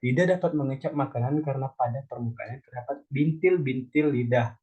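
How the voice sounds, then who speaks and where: A man's voice: mid-range voice, husky, lo-fi sound. A young man from Indonesia teaching an elementary school biology lesson, explaining step by step and putting questions to the children. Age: young adult.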